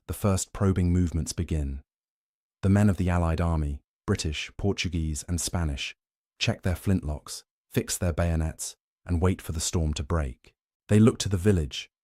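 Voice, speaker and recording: Deep-voiced man narrating grave history. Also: dark tone, no room sound, studio quality. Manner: grave, measured, dramatic pauses. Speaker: documentary narrator. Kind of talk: dramatic scripted history narration.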